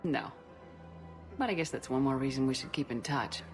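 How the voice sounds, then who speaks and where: A woman's voice: a bass voice, lively intonation, moderate pace, soft background music. A woman playing a confident military commander in a video game, composed and direct with a dry wit. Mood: gentle. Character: steady, wry female military commander, confident.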